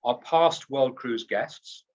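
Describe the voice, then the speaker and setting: Speaking slowly in a mid-range voice, a UK cruise line executive gives a salesy, upbeat trade interview about his company and repeatedly restarts his phrases. The recording sounds muffled.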